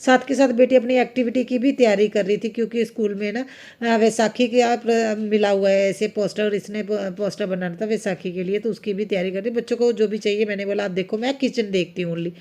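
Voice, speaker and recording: A homemaker in her thirties narrates her day in a chatty, rambling vlog voice-over. Her Hindi carries a Punjabi-influenced accent. Her pitch sits in a mid range, and she piles up asides as she goes. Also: fairly even intonation, a little fast, darkish tone. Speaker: homemaker vlogger.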